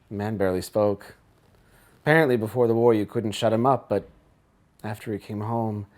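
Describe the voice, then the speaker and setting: An actor playing a reflective caller who speaks in a measured, solemn way. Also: male voice, lowish voice, a little mellow, natural voice. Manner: measured, reflective, rising to indignation. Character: thoughtful grown man calling in, solemn about war history. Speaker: radio caller.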